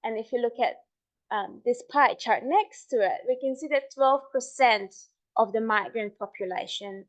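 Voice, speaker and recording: A woman's voice: on the high side, dull audio. Hungarian-born woman giving an academic talk. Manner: measured, with frequent ums and restarts. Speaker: researcher presenting her work.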